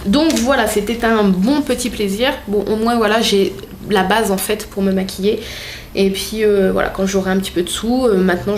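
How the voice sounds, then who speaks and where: A woman's voice: mid-range voice, slight background noise. Chatty young woman showing makeup. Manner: chatty, hesitant, many fillers and restarts. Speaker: beauty vlogger. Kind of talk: casual makeup haul vlog. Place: home room with a desk.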